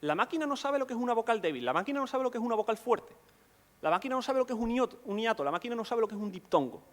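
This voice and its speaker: High-voiced man lecturing in a hall. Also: expressive, racing. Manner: explanatory, asks rhetorical questions. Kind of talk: conference lecture.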